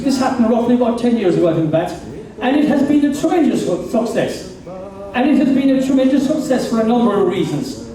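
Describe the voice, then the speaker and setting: High-voiced Irish man speechmaking in echoing hall. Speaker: tribute speaker. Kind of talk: public tribute speech. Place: hotel function room with live audience. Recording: very echoey hall from far off.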